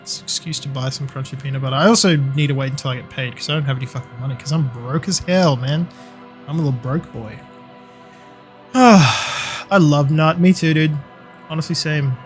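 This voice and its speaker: A man's voice: medium pitch, fairly quick, soft background music. A young man chatting casually and swearing freely while streaming a game. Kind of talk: casual live-stream chat while gaming.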